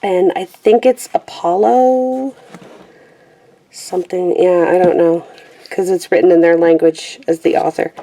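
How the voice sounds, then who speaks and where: A woman with a lowish, creaky, warm voice speaks a little slowly with fairly even intonation. She's a vlogger showing her colouring book collection in a small room at home, rambling casually on camera in a self-deprecating way, trailing off with fillers and guessing at names while a pet squeaks nearby.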